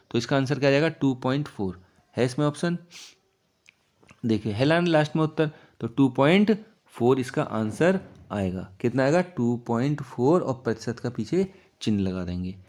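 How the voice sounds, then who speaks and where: Man, maths teacher, patient step-by-step explaining, asks and answers himself, mid-pitched voice. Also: a little mellow. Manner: explains slowly, asks and answers his own questions.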